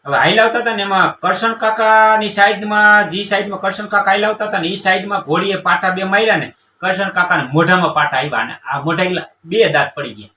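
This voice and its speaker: A man tells a funny village story, bright and pitched a little high, animated as he acts out the people in it. He is heard from a distance in a roomy space with faint ambience behind him. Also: fast talker, hardly any pauses, slight background noise. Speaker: comedian telling jokes. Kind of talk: folksy comic storytelling.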